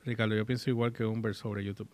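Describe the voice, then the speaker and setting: A man's voice: lowish voice, level tone, fast, darkish tone, dry recording. A man hosting a casual chat, mixing in English words and reading English text aloud. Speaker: host.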